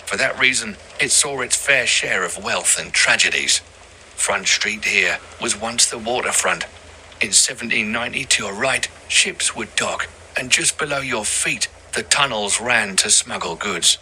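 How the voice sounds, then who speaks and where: A man's voice: on the low side, measured pace, bright, forceful tone, slight background noise, low-quality recording. A man narrating a scripted audio ghost tour as the guide, with theatrical, ominous storytelling over music.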